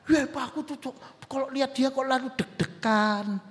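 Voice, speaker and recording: A man's voice: very high voice, moderate pace, a bit bright, voice pushed up. A man voicing a nervous teenager who hesitantly confides a crush to a parent. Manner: hesitant, pleading. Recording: reverberant church hall.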